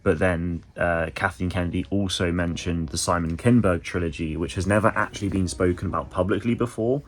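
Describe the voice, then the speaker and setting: A man's voice: low-pitched, steady tone, fairly quick, slight background noise. A man in a hotel room recapping his day to camera in a chatty, enthusiastic way with fillers. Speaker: vlogger.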